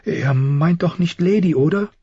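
A man's voice: fairly high pitch, a little slow, dark tone, slightly rough, dry recording, highs cut off, voice pushed up. A man doing a frightened pleading girl. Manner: pleading, near tears.

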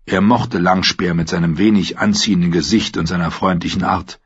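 A man reading an audiobook in a steady, measured narration, on a dull lo-fi recording. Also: low voice, husky.

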